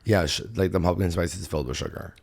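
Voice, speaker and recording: A man with a somewhat low voice hosts a comedy podcast in easy, casual chat. He rambles through stories, mocks himself, and laughs a lot as he goes. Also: quick pace, gravelly, darkish tone, a little hiss or hum. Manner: rambling, self-mocking, laughs often.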